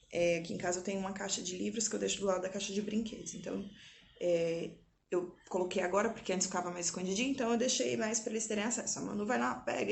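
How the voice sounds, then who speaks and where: A woman's voice: mid-range voice, gravelly. Chatty woman in a home vlog. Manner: chatty, frequent tag questions. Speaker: mother and vlogger. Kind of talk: casual explanatory vlog. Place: at home indoors.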